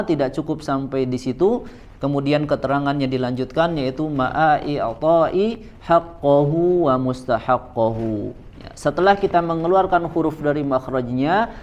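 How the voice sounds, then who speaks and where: A man teaching a Quranic recitation lesson to a congregation, speaking in a measured way and tagging nearly every phrase with a soft "ya". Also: fairly high pitch.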